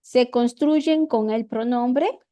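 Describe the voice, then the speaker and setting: A woman teacher with an Ecuadorian accent, explaining grammar slowly and deliberately, repeating her examples. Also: fairly high pitch, dark tone. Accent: Ecuadorian Spanish.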